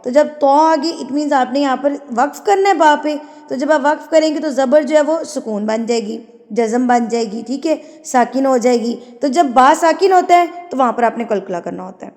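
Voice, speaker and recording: A woman from Pakistan, teaching Quran tajweed: she recites verses slowly and measuredly, then explains the rules in quick talk. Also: sits high, a little mellow, long reverb tail.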